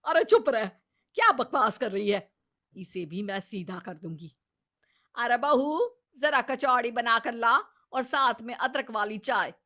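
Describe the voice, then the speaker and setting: A woman's voice: fairly high pitch, expressive, a little slow, sharp tone. A woman playing a bossy, scolding mother-in-law who orders her daughter-in-law around. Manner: scolding, commanding.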